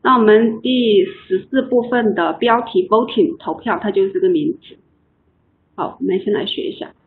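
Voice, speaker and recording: A woman's voice: mid-range voice, normal speed, a little hiss or hum. A woman teaching an online English lesson, patiently explaining and repeating words for her students. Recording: tinny online call audio.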